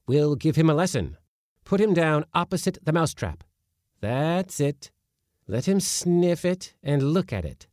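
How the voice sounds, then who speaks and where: A man voices an irascible middle-aged Latin schoolmaster, pitching his voice above its natural level so it sits on the high side, with a darkish tone. Very animated and a little slow, he blusters and scolds in a raised, strained, commanding voice. The recording is studio quality with no room sound.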